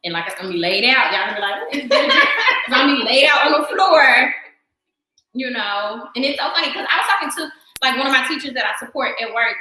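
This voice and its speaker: A woman guest tells stories in a lively, animated way and laughs often. Her voice is high and bright. She is on a video call from a room with very strong echo. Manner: animated, laughing, quick storytelling. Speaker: guest, yoga teacher. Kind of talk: casual conversation.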